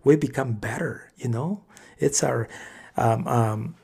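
Gravelly man telling a story, earnest. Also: medium pitch, slow pace. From Mexico. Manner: earnest, animated storyteller who acts out quoted dialogue. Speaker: guest. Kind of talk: casual storytelling interview.

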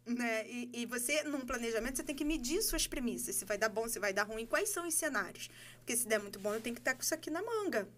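A Brazilian woman telling a story in casual podcast chat, animated and laughing as she acts out dialogue. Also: a little high, fast. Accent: Brazilian Portuguese. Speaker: guest.

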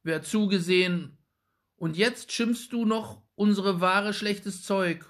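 A bold young boy from a fairy tale, his voice pitched well up and loud as he scolds in indignant bursts, voiced by a male reader. He speaks in a crisp, forceful way. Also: takes it slowly.

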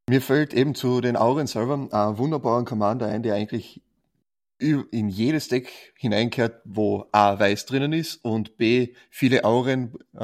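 A man co-hosting a casual card game podcast. His voice is of average pitch. He asks questions and hesitates with fillers. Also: darkish tone. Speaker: co-host.

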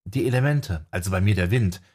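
A man's voice: deep voice, a little fast, a little mellow, husky. A man voicing an earnest, self-deprecating young male wind mage in an audiobook. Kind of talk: audiobook character voice.

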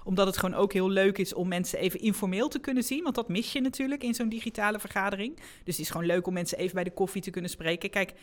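Speaking fast with few pauses in a mid-range voice, a newly elected politician chats casually with an interviewer about a new role. He's chatty yet hesitant, with many fillers and restarts.

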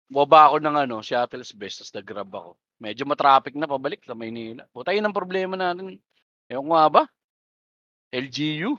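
A man's voice: medium pitch, lively intonation, a little fast, pushed and bright, no room sound, highs cut off. A young Filipino man co-hosting a podcast, bantering loosely with lots of swearing and laughter. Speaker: podcast co-host. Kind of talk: casual chat.

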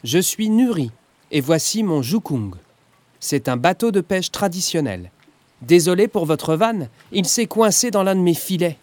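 A man's voice: sits high, big pitch swings, measured pace, darkish tone, no room sound, pitched above the performer's own voice. A man voicing a friendly young Balinese fisherwoman who guides the family in a children's storybook. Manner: friendly, explaining.

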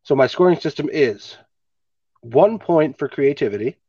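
A podcast host with a stuffy nose chats casually from home, recording remotely on his home mic, laid-back and swearing casually. His slightly high voice is mellow and husky with lively intonation at normal speed; there's no echo, and the highs are cut off.

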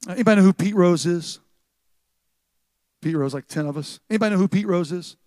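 A middle-aged man preaching a sermon to a live congregation in an animated, conversational way, often restarting his sentences and swinging between loud and soft. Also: high voice, fast talker, dry recording. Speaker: pastor. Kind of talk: sermon with church announcements. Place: church service with a live congregation.

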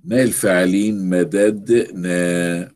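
A man teaching Arabic grammar with an Egyptian accent. He explains step by step and repeats words slowly for stress. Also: deep voice, fairly even intonation, darkish tone. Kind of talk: recorded grammar lesson.

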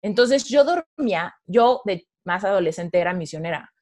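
Animated Mexican woman telling her story. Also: mid-range voice, moderate pace. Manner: animated, acts out her own past thoughts in quotes. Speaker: podcast guest. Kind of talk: casual conversational storytelling.

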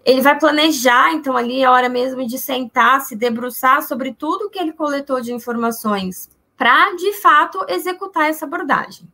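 Brazilian woman explaining, fairly high voice. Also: moderate pace, hardly any pauses, bright, forceful tone. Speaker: guest expert. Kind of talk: informal explanatory talk.

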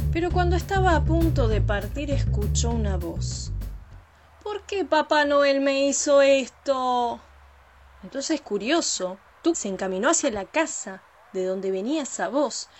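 Expressive woman telling a story. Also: fairly high pitch. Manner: lively, expressive. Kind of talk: storybook narration.

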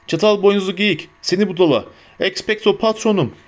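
A man voicing a gruff hot-tempered old barman. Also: on the high side, lively intonation, fast, lightly acted. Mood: angry, scornful. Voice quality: gruff, hoarse. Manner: barking retorts, scornful. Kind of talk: audiobook character voice.

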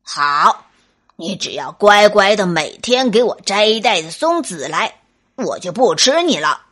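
A woman's voice: mid-range voice, big pitch swings, unhurried, fairly bright tone, voice pushed down. A woman growling as a menacing big grey wolf. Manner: gruff, threatening.

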